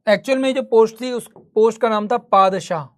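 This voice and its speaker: A man's voice: sits high, normal speed. A man teaching history in a live online class. He talks conversationally, quizzes his students and answers his own questions.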